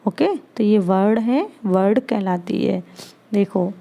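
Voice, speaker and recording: A woman teacher slowly taking young children through letters and sounds, sounding each one out patiently. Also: mid-range voice, gravelly, dark tone. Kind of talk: children's Hindi lesson. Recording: dull lo-fi recording.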